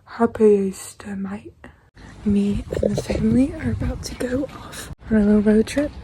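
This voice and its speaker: A woman's voice: on the high side, fairly quick, noisy background. A young woman chatting frankly in a casual vlog, often dropping into a half-whisper. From Australia. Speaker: vlogger.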